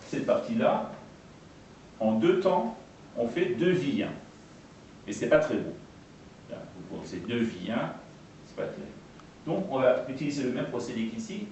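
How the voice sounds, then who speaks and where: A man's voice: mid-range voice, a little mellow, distant mic, a little hiss or hum. Man lecturing in an echoey room. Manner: patient, repeats and spells out terms, pausing often. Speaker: lecturer on poetry translation. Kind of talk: explanatory talk to an audience.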